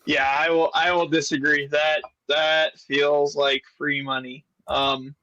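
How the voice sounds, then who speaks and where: A man's voice: fairly high pitch, level tone, slow, bright, forceful tone, dry recording, lo-fi sound. A man co-hosting a casual betting show, explaining his numbers analytically and hesitating with fillers. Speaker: co-host who runs the prediction model. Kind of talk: casual sports betting podcast chat.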